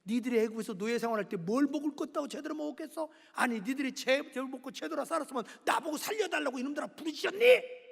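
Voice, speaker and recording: A preacher puts on God as an exasperated, mocking scold who talks down to grumbling people. The voice is high and gravelly. It rings out with a long echo through a church hall. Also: male voice, lively intonation, quick pace, full character voice.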